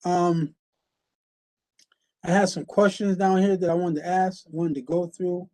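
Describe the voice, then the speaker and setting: A man's voice: high-pitched, steady tone, measured pace, warm tone. A man hosting an interview in a casual, chatty way, full of fillers and repeated starts. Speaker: host.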